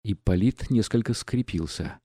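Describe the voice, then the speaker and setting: A man narrates a literary audiobook in a measured, expressive way. His voice is dark and mellow, close and dry on the mic, and it swells on the dramatic passages. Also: fairly low pitch, no echo.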